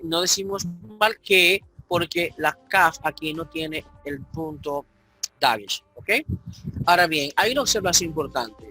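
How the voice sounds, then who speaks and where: Patient male language teacher, slow deliberate delivery, high pitch. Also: sharp tone. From Dominican Republic. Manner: slow, explanatory, repeats key points. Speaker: Hebrew teacher. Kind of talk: online grammar lesson.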